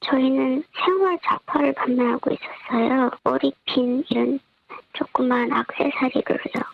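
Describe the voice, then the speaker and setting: A small online seller interviewed over a line, voice disguised with a pitch-shifting effect, answering quietly and plainly. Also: measured pace, gravelly, dry recording. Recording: dull lo-fi line.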